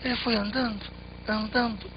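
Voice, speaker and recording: A man telling a traditional tale with expressive, dramatic pauses. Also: high-pitched. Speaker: storyteller. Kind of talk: oral storytelling. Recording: slightly muffled, faint background noise.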